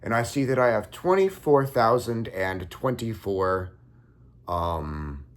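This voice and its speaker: A young man calmly recounting a dream in a measured first-person story. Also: fairly low pitch. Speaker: occult content creator.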